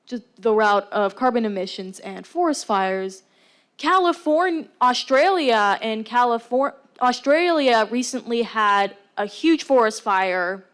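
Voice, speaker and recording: Brief: young woman student, unhurried delivery, earnest and halting with restarts. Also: fairly high pitch. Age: young adult. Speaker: student answering a question. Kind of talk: unscripted answer to an audience question.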